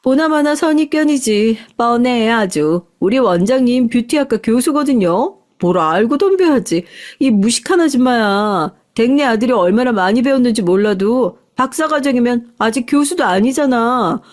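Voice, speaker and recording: A woman's voice: on the high side, animated, normal speed, few pauses, a little mellow, pitched above the performer's own voice, natural voice. A woman voicing mocking young female salon workers who jeer sarcastically. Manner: jeering, sarcastic.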